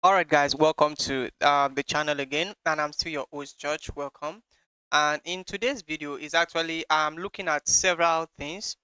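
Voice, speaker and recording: Male reaction host, casual, full of fillers; bright, clean close-mic sound. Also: on the high side, steady tone, clean tone, no room sound, rough recording. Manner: loose, halting delivery with many fillers. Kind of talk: casual commentary to viewers.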